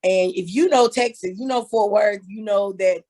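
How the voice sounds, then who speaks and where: Candid and laughing, this thirtysomething hairstylist and author shares stories as a guest in a casual interview. She speaks at a normal pace in a mid-range voice with a dark tone.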